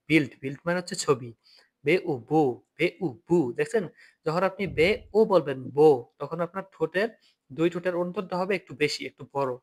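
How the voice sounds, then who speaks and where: Higher-pitched man teaching German spellings. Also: fairly bright tone. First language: Bengali. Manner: explains patiently, repeats letters and words, checks with "ঠিক আছে?". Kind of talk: online language lesson.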